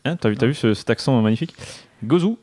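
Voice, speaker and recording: A man's voice: mid-range voice, darkish tone, no echo. A man co-hosting a radio show about board games, presenting the news in a joking, casual way and often restarting his sentences. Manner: joking, reads notes, halting restarts. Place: studio round a table.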